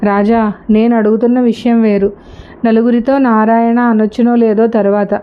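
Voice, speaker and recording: A principled young wife, read aloud by a woman who asks sharp, pointed questions. The voice is fairly high. The recording sounds slightly dull and lo-fi. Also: flat delivery, normal speed, clean tone, close to an everyday voice. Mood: confronting. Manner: pointed, probing.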